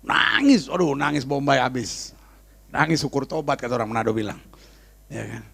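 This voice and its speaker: A man's voice: medium pitch, a little fast, gravelly, a bit bright, breathy edge. A male pastor preaching a humorous, storytelling sermon to a church congregation, tossing in English phrases and calling out to the crowd.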